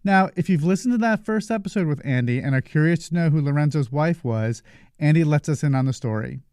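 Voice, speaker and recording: Podcast host, light dry voice. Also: male voice, fairly high pitch, animated, a little fast, darkish tone, smooth, no echo. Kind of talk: scripted intro and outro.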